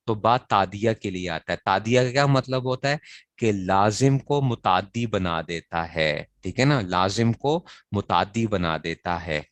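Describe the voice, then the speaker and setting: Low-voiced male teacher, dry sound. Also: no echo. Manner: asks rhetorical questions and answers them, repeats key phrases; recites verb conjugations in a slow chant. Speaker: teacher of grammar to students. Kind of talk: classroom lecture.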